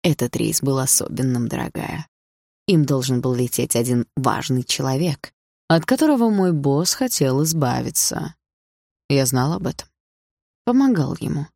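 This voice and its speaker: A woman's voice: rumbling low, expressive, moderate pace, creaky, darkish tone, dry recording, studio quality, heavily acted. A woman reading an audiobook, voicing a smug, possessive adult man who taunts coldly and sneers. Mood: smug menacing.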